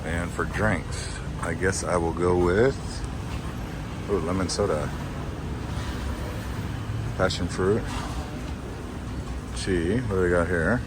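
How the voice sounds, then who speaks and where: A man's voice: low-pitched, steady tone, slow pace, pauses often. A man vlogging casually as he walks and talks, thinking aloud outdoors on busy streets and at markets. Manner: walking and talking, thinking aloud. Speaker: travel vlogger. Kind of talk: walking and talking vlog, casual. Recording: noisy outdoor street with traffic. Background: loud traffic and street ambience.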